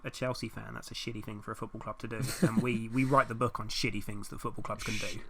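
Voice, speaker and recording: A man's voice: lowish voice, little pitch movement, a loud crowd. A man from England, co-hosting a casual comedy podcast and giving his frank, sweary opinions. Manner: opinionated, quick, sweary asides. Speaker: podcast co-host.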